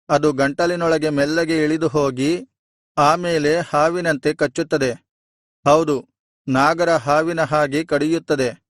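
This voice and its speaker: Guy reading bible verses slow and solemn, kinda high voice, dead dry sound. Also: no room sound. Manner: measured, solemn recitation. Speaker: Bible reader. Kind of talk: scripted scripture reading.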